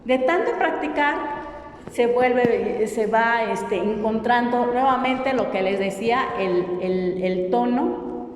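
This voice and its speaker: Slow, high-voiced woman teaching in an echoey hall. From Oaxaca coast, Mexico. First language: Mixtec. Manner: patient, repeats words slowly with exaggerated tones. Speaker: language teacher. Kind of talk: classroom teaching. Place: university auditorium. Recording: echoey auditorium, long reverb, faint noise.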